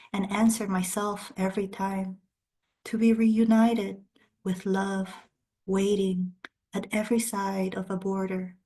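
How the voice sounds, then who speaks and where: Her mid-range voice carries a dark tone as this poet, natively fluent in Spanish and Korean, offers brief introductions and then reads in short, measured, deliberate phrases.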